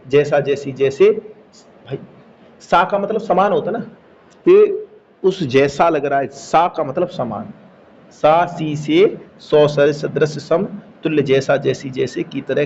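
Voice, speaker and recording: A man's voice: on the high side, darkish tone. A man teaching a Hindi grammar lesson, explaining step by step, repeating key words and checking that students follow. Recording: slightly dull recording with faint background noise.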